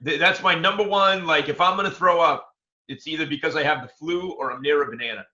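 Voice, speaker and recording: Dude cohosting a chatty show, bright sharp voice, rambly restarts, dull lo-fi audio. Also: male voice, on the high side. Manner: rambling, halting with repeated restarts. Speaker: co-host. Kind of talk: casual show chat. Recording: dull lo-fi sound.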